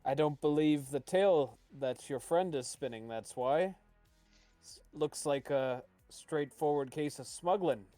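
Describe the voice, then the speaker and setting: A man voicing a suspicious, bargaining leader of a hunter war band, measured and firm. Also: on the high side, dark tone, dry recording, soft background music, natural voice.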